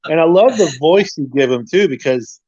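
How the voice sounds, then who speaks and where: Podcast host man, eager follow-up questions, slightly higher voice, muffled audio. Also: animated, moderate pace, darkish tone. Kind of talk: casual interview chat.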